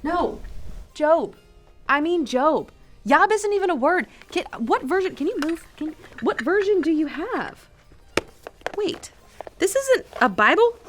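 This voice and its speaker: A no-nonsense director figure in a comedy skit, played by a woman. Her voice sits high, and she speaks briskly and firmly. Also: very animated, soft background music, full character voice. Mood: exasperated. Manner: brisk, firm, correcting. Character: exasperated female show director.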